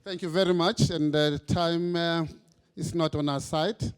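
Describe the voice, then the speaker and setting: A man acting as master of ceremonies at a conference, briskly calling the next speaker. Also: on the high side, steady tone, smooth. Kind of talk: formal event hosting.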